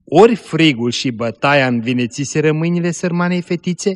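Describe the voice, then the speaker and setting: A man narrating a story aloud in a slow, measured way. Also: fairly high pitch, big-room sound. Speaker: story reader.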